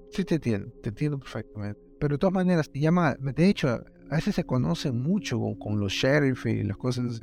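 A man in a casual film chat, animated and jokey, acting out little quotes. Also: mid-range voice, vocal fry.

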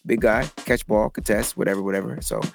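A man hosting a casual sports talk show, excitable and given to repeating himself. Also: lowish voice, a little fast, creaky, slight background noise. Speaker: podcast host.

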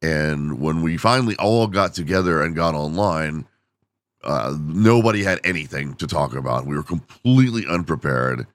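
Hosting his podcast alone, a man with a very deep, slightly bright voice rambles and runs himself down with plenty of laughs. The recording is dry, and his voice is wearing out from overuse.

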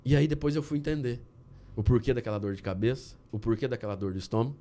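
A man from Brazil, a guest on a podcast, telling a personal story in a casual, animated way and often saying "cara". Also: medium pitch, quick pace. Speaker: podcast guest, candy entrepreneur.

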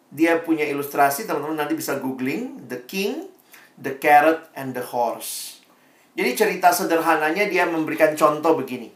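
A preacher delivers a sermon in a chatty, animated storytelling style, speeding up and slowing down as the tale unfolds. The voice bounces around a roomy hall and is picked up from some distance. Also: mid-range voice. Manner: conversational, animated storytelling, varied pace. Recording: echoey room, voice far from mic.

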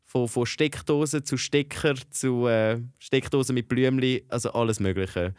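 A young man with a Swiss German accent, chatting on a podcast and spinning animated stories. His voice sits at an ordinary pitch and sounds close and dry, with no room around it. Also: normal speed, smooth, dry recording. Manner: animated, chatty storytelling with laughs. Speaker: podcast co-host. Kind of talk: casual chat.

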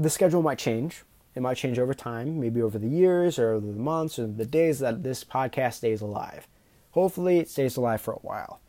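A man's voice: medium pitch, warm tone, no room sound. A man hosting his own podcast, talking off the cuff in a nervous way, stumbling over words, restarting and saying um often. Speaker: podcast host. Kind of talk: unscripted solo podcast talk.

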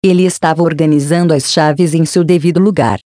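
An audiobook narrator tells the story in a steady, plain reading. The voice is mellow and unhurried in tone, and the recording is close and dry. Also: mid-range voice, no echo. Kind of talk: scripted narration.

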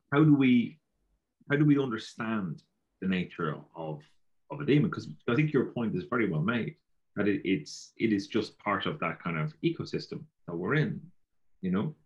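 A Galway man with a west of Ireland accent muses casually and philosophically, repeating himself and sprinkling "you know" throughout. His voice is fairly low and animated, unhurried with frequent pauses, and the sound is lo-fi.

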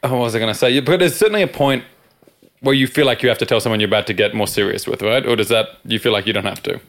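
A man's voice: medium pitch, racing, a bit bright. A man with a posh Australian accent that sounds almost English, chatting casually as a podcast host in a self-deprecating way.

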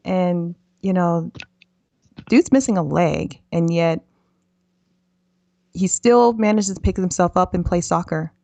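A woman's voice: on the low side, takes it slowly, gravelly, pauses often, dark tone, dry recording. A woman hosting a podcast interview, chatting in a playful, self-deprecating way. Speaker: podcast host. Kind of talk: casual interview chat.

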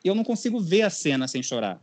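A young man from Brazil, a podcast host telling a story in casual chat, animated and acting out quotes. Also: high voice, fast.

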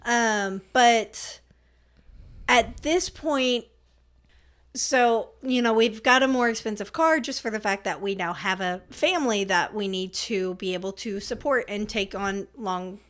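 A woman's voice: mid-range voice, a little slow, fairly bright tone. A young woman co-hosting a podcast, chatting casually and telling stories that break into big laughs. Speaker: podcast co-host. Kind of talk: casual chat.

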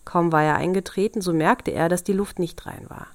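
Low-voiced woman reading a fairy tale. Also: fairly even intonation, moderate pace. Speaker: narrator. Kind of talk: scripted fairy-tale narration.

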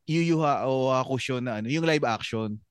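Podcast co-host, man, casual, filler-heavy, smooth tone. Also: mid-range voice, moderate pace, no room sound, clean studio sound. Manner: searching for words with frequent fillers. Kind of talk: casual chat.

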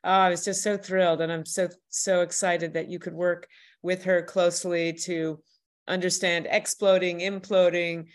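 A woman's voice: lowish voice, flat delivery, moderate pace. A woman hosting an interview, enthusiastic and encouraging toward her guest. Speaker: host, workshop leader. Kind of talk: podcast interview.

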